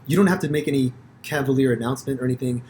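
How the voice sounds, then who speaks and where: A man from the United States hosting a podcast, telling stories in a rambling, profane, animated way with many restarts. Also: medium pitch, very fast, a little hiss or hum. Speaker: podcast host. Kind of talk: casual conversation.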